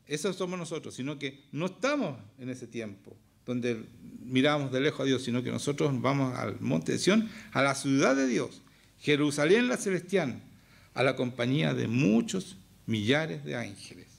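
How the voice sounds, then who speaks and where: A man's voice: mid-range voice, lively intonation, moderate pace, vocal fry. A man with a Chilean accent preaching a sermon as pastor, emphatic and often firing questions at the congregation. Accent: Chilean Spanish.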